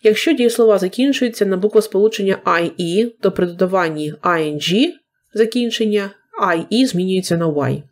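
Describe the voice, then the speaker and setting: A woman from Ukraine with a Ukrainian accent teaching an English grammar lesson on video, explaining rules patiently and slowing down to model English examples. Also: medium pitch.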